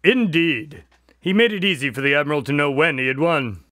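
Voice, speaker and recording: A man playing a detective's doctor sidekick and storyteller in a radio drama, conversational and expressive. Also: fairly high pitch, a little fast, no room sound, clean studio sound. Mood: storytelling.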